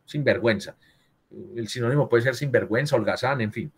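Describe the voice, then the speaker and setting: A man's voice: medium pitch, fast talker, breathy edge. A man teaching a writing class over a video call, correcting students and checking in with them often. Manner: corrects students, keeps asking "¿cierto?". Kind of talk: virtual class lesson on writing.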